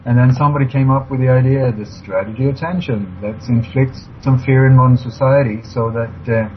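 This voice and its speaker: A man from Sweden, speaking as a radio interview guest with many pauses and fillers. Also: medium pitch, steady tone. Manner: halting, many fillers, emphatic. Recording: dull lo-fi recording, faint hiss.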